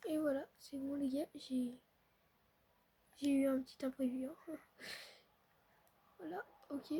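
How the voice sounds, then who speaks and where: Excitable high-voiced young woman gamer. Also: unhurried. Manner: chatty, excitable, talks straight to viewers. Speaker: gaming streamer. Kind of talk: casual live commentary on a football video game.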